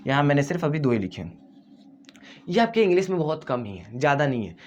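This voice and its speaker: Male grammar teacher, higher voice, repetitive and drawn-out delivery, muffled lo-fi audio. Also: very animated. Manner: repetitive, asks and answers his own questions, drawls words out slowly to show syllables. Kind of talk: explaining grammar to students.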